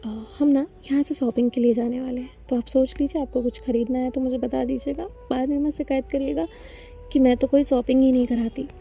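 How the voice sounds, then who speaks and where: A woman's voice: high-pitched, steady tone, brisk, creaky, dark tone, soft background music. Woman voicing a teasing young bride. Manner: teasing, coaxing. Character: young woman, playful teasing newlywed wife.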